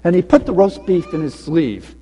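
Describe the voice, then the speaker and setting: A man tells a story to children during a church service, playful and animated. His voice runs high with lively swings in pitch. A long church reverb trails every phrase. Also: normal speed, breathy edge.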